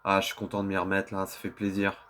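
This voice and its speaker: A man with a lowish voice streams a video game. He talks in a casual, colloquial way, thinking aloud as he reacts to what he is doing. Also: monotone, quick pace, a bit bright. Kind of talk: casual gameplay commentary.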